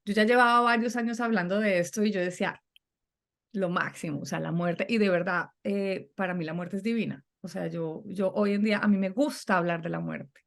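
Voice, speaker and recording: A middle-aged woman telling a personal story in conversation, animated and acting out the voices she quotes. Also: medium pitch, a little fast, vocal fry. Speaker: guest.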